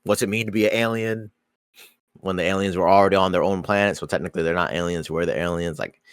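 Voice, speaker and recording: A man's voice: sits low, quick pace, smooth, no room sound, studio quality. A man co-hosting a podcast, chatting casually about a movie and often repeating his opening words. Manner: relaxed, repeats words when starting sentences. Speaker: podcast co-host. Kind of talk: casual movie review chat.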